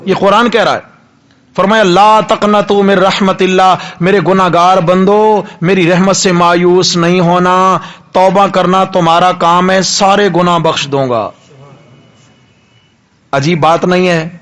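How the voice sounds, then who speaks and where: A high-pitched male preacher delivering a sermon. He hammers his points home through repetition and stretches recited verses out slowly. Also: steady tone, fairly bright tone. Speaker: mufti preacher.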